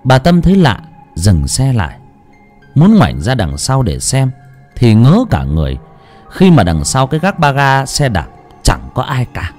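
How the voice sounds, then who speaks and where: A man's voice: medium pitch, wildly swooping pitch, a little slow, a little mellow, faint music behind. A man narrating a ghost story in a dramatic, vivid way.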